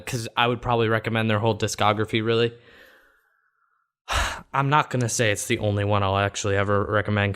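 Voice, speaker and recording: Teen guy from Florida, casual podcast co-host, loose and rambling, mid-pitched voice, swears offhand. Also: a bit bright, clear, resonant tone. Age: late teens. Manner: rambling, laughs between thoughts, swears casually. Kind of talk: casual chat.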